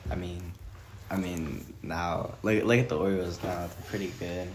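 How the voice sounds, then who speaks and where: A man joins a casual podcast chat, stumbling and restarting his points. His voice is very low. The recording has a noticeable room echo and clear background noise. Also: steady tone. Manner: halting, many restarts and fillers.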